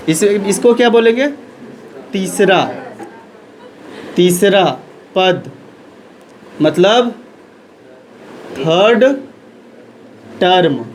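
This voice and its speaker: A man's voice: high voice, slight background noise, poor audio. A man teaching a maths lesson in speech, asking questions and answering them himself.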